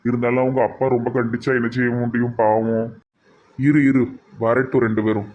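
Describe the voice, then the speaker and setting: A man's voice: mid-range voice, flat delivery, fairly quick, narrow, tinny audio, slight background noise, close to an everyday voice. A man with a Tirunelveli Tamil accent voicing a hot-headed young cartoon character who blusters and makes dramatic threats. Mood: worried.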